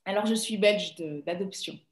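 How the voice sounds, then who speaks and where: A woman's voice: medium pitch, moderate pace, roomy sound. A young woman from Belgium, an actress, chatting casually and laughing often in an interview over a video call.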